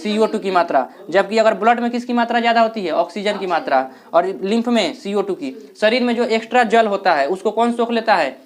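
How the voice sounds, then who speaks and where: A man's voice: high voice, fairly quick, few pauses. A male teacher giving a classroom lecture, asking questions and answering them himself, with regional dialect words in his Hindi.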